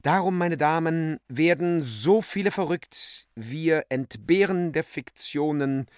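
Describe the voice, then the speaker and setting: A man giving a theatrical literary reading with wide swings in pitch. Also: slow pace, a little mellow, no room sound, clean studio sound. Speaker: reader.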